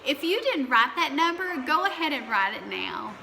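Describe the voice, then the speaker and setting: A kindergarten teacher runs a counting lesson for young children, speaking to them directly and encouragingly. Her high voice is very animated, gravelly, and sharp in tone, at a moderate pace. Slight background noise is audible in the reverberant room.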